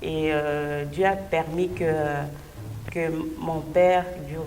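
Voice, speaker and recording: A Belgian gospel singer appearing as an interview guest shares a personal testimony, often hesitating as she searches for words. Her voice is deep and darkish, slow and fairly even in intonation. The mic is distant in an echoey hall with background noise.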